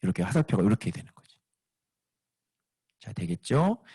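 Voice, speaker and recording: A man, a pastor, preaching a sermon with lively, emphatic delivery, often asking his listeners questions. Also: fairly low pitch, normal speed, breathy edge, no echo. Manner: animated, asks the congregation questions, rises to shouting emphasis.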